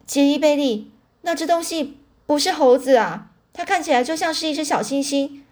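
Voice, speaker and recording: A woman's voice: sits high, normal speed, darkish tone, pitched above the performer's own voice, lightly acted. A woman voicing an alarmed, strict farm mother who scolds in a raised voice in a storybook reading. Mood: frightened.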